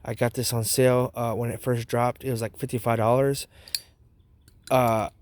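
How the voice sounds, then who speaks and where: Man, casual review vlogger, dip of chewing tobacco in mouth, medium pitch, dry outdoor sound. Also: flat delivery, moderate pace, a little mellow, no echo. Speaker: knife review channel host. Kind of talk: casual product review vlog.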